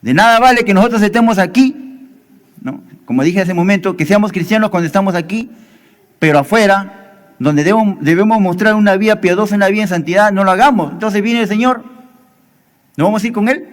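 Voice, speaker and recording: A man's voice: sits high, brisk. A man from Peru, a pastor teaching a Sunday school sermon, often ending phrases with a questioning tag. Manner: teaching, frequent rhetorical "¿no?" tags. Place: church hall. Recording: echoey church hall, long reverb.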